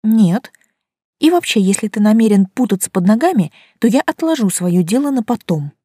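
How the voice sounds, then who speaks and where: A woman voicing a nervous but stubborn young heroine, talking in a high, pleading way. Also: expressive, normal speed, warm tone, breathy edge, no room sound, clean studio sound. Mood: anxious.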